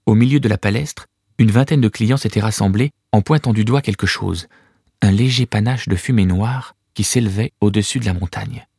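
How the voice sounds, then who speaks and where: Low-voiced male audiobook narrator. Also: normal speed, vocal fry, darkish tone, slightly rough, no room sound, studio quality.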